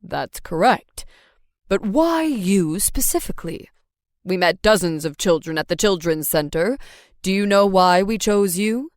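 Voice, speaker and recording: Woman voicing a fatherly king, gentle, measured, smooth lowered voice, dry close sound, audiobook. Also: expressive, no echo, natural voice. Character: warm, steady adoptive father, a king. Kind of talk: audiobook character voice.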